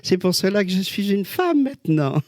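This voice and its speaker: Older guy telling wild stories, lots of oh my gods, fairly high voice, dry sound. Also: moderate pace, dry recording. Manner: expressive storyteller, many voices and exclamations. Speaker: guest, celebrity lookalike. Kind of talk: animated anecdotal chat.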